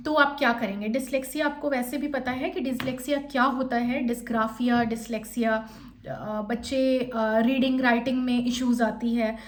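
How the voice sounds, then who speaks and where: A young woman teacher who speaks fast, coaching interview candidates and modelling sample answers in an explanatory lesson. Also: sits high. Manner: fast-talking, admits speaking quickly.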